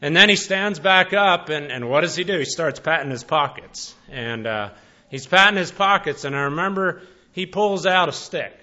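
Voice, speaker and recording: Folksy preacher man, bright voice. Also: a little high, animated, dull audio. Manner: folksy, conversational, with many fillers and pauses. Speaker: pastor. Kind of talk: storytelling sermon.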